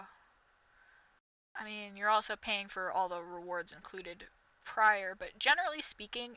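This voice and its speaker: In a somewhat nasal, sharp-toned voice of medium pitch, a young woman delivers sarcastic reaction commentary as a vlogger. She reads text aloud, then jabs at it with mocking exasperation, and the recording is rough.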